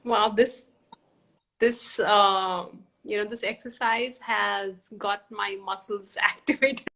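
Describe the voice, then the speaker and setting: A woman's voice: medium pitch, steady tone, sharp tone, rough recording. A woman speaking as a class participant over a video call. Her audio keeps breaking up in a buffering stutter, so she halts and repeats her words. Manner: halting, repeating words as the line drops. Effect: choppy video-call audio, buffering stutter. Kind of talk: casual chat on a video call. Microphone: laptop or phone on a video call.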